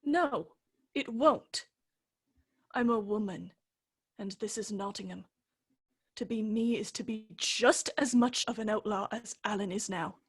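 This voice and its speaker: An actress playing a passionate, bitter young maiden in a radio play. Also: female voice, medium pitch, unhurried, pauses often, slightly rough.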